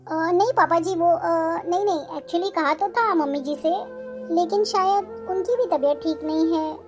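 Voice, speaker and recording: Woman doing a gentle sick young bride. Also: very high-pitched, a little slow, over music. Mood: polite. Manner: soft, polite, weary. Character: sick young daughter-in-law, gentle and dutiful.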